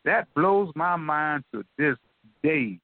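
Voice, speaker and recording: An older man tells a story in an animated, folksy way, his high voice climbing and falling. The sound is dry and squeezed through a tinny phone line. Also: slow pace, dry recording. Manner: animated, repetitive, folksy, speaks directly to the listener. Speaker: guest telling a story. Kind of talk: excited storytelling.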